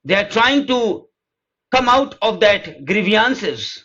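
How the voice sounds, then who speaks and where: Man lecturing in very measured steps. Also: sits high, sing-song, bright, forceful tone. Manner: slow, deliberate English lines and rapid Hindi explanations; asks the class questions and answers them himself. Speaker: literature teacher. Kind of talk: lecture mixing Hindi and English. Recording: dull lo-fi recording.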